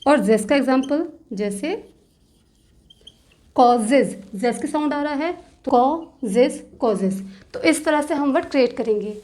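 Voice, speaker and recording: A woman teaching shorthand step by step, patiently repeating rules and slowly drawing out example words, with terms. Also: high voice, expressive, a little mellow. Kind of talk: step-by-step tutorial explanation.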